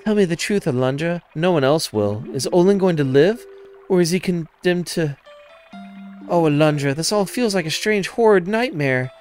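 Casting: frightened young woman, pleading, pitched up, played by a man. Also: expressive, moderate pace, a little mellow, soft background music, natural voice. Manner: pleading, raised-pitch, distraught. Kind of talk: comic let's-play voice acting.

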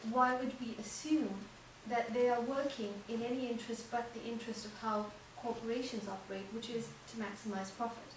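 A woman with a fairly high voice answers as a panelist, measured and thoughtful. She is caught from a distance in a very echoey room with a clear background hiss. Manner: measured, thoughtful, many ums. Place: seminar room with audience. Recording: echoey room, distant mic, audible noise.

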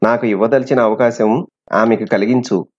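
A man's voice: medium pitch, steady tone, moderate pace, close to an everyday voice. A man voicing a defiant young captive princess who speaks with scorn, on a dull lo-fi recording.

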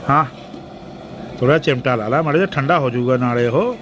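A man with a Punjabi accent films his family cooking for a vlog, chatting casually, teasing, and exclaiming along the way. His medium-pitched voice moves briskly over a noisy background.

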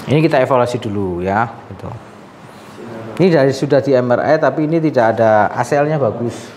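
A man's voice: medium pitch, background noise. A man, a sports massage therapist talking casually and coaxing a patient while he works, often laughing.

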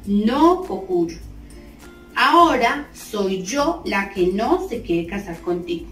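A woman voicing an old female blackberry bush in a storybook tale, speaking softly, low and slowly. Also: big pitch swings. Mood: cool. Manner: soft, low, slow and coaxing. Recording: roomy, distant mic, faint music.

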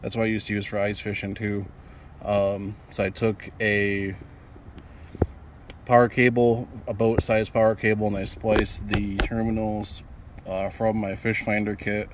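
A young Michigan man who hosts a fishing channel shows off a fishing build on his phone camera in an apartment parking lot, rambling through a casual how-to vlog with lots of ums and restarts. His voice is lowish, level and unhurried, and the outdoor phone audio is noisy.

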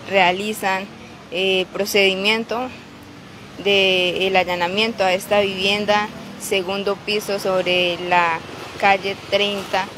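A woman reporting live from a city street as a local news reporter, pausing often with filler sounds. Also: medium pitch. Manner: halting, many filler "eh"s. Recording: street noise behind the voice. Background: traffic and street noise.

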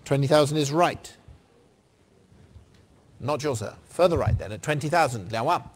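A man's voice: medium pitch, animated, moderate pace, breathy edge. A middle-aged man working as a fine art auctioneer, calling bids in short, formal, repeated phrases. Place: large indoor auction saleroom.

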